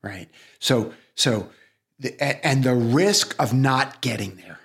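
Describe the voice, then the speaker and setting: A man with a Brooklyn accent hosting a reflective coaching conversation, speaking deliberately, probing and repeating words for emphasis. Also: mid-range voice, animated. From Brooklyn, New York. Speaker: podcast host and coach.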